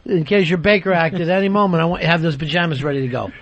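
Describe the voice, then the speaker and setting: A male radio host in a studio, needling his guests in loose, profane banter and laughing as he goes. His voice sits a little high for a man. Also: very fast. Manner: teasing, profane, laughs often.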